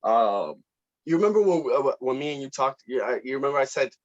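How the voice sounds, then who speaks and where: A man with a mid-range voice speaks briskly, his pitch swinging widely. He's a student film director running a table read over a casual online production meeting, talking informally and appreciatively with hesitant phrasing. The online call audio is dull and lo-fi.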